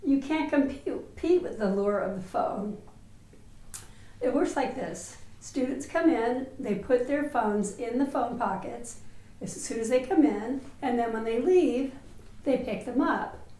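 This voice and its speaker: Seated in an office chair before a plain wall indoors, a woman in her 50s who teaches languages leads an online workshop for teachers while nursing a cold. Her fairly high voice is unhurried and mellow with a breathy edge, picked up by a lapel mic, and her chatty talk is full of fillers and restarts.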